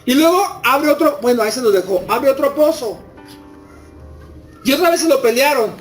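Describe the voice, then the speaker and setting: A man's voice: very high-pitched, animated, moderate pace, faint music behind, rough recording. A man with a Mexican Spanish accent preaching a sermon to a congregation. He retells scripture as a story and puts rhetorical questions to his listeners.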